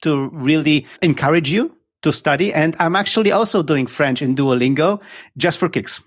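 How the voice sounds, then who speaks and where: A Polish man with a Polish accent and a somewhat high voice at normal speed appears as a podcast guest. He's an app founder, and in this casual interview chat he explains his ideas eagerly, using examples.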